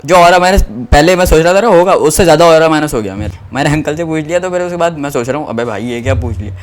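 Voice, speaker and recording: A young male comedian, telling a rambling, self-mocking story. His voice sits a little high. He keeps restarting his sentences as he goes. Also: fast talker. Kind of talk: comic storytelling monologue.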